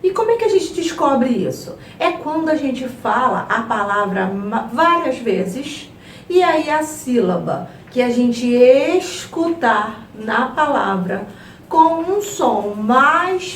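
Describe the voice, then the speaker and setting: Slow-talking Brazilian woman teacher, echoey room. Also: a little high, lively intonation, recorded from a distance, a little hiss or hum. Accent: Brazilian Portuguese. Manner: slow, stretched-out words for children, playful. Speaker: primary school teacher. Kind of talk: children's review lesson.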